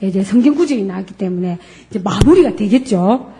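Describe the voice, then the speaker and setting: A woman's voice: a little fast, slight background noise. A woman giving a lecture, acting out quoted dialogue as she goes. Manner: acts out quoted dialogue with lively pitch swings.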